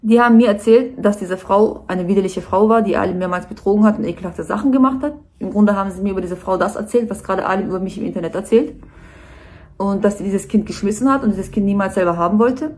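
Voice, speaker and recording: A woman's voice: medium pitch, fast, darkish tone. A nervous woman giving a personal statement to camera, earnest and hesitant.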